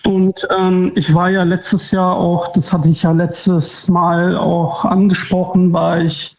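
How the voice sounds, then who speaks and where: A man's voice: high voice, flat delivery, gravelly. A man calling into a radio show, talking hesitantly with lots of ums. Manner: hesitant, many ums, slow. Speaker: caller. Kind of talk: casual phone-in chat. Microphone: phone. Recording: dull, echoey phone line.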